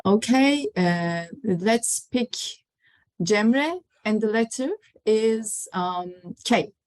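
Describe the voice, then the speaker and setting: A woman's voice: mid-range voice, lively intonation, very slow, darkish tone. A woman taking part in an online workshop, a little flustered as she searches for words. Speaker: workshop participant. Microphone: video call.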